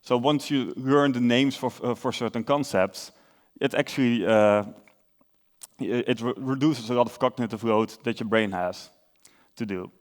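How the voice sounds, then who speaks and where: A young Dutch man with a Dutch accent gives a conference talk, explaining things in a relaxed way with filler uhs and self-corrections. His pitch is medium and his pace moderate.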